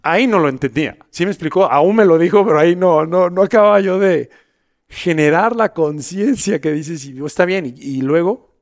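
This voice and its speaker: Animated man telling stories. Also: moderate pace. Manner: animated, acts out dialogue with big pitch jumps. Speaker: guest, coach. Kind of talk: conversational storytelling.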